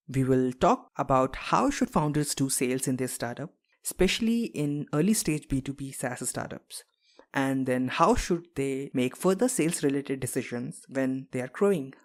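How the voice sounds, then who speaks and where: A man at a middling pitch hosts a podcast over a remote call. He reads a prepared introduction, then puts short, polite questions to his guest. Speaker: podcast host. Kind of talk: podcast interview.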